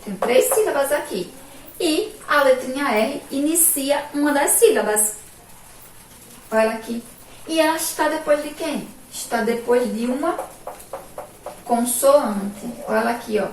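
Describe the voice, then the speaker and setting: A female teacher with a Sergipe Brazilian accent, giving a remote lesson to children and drawing out each syllable emphatically. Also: sits high. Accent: Brazilian Portuguese, Sergipe. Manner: slow, drawn-out, emphatic syllables with frequent "ó" and "olha aqui". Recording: echoey room from far off, faint background noise.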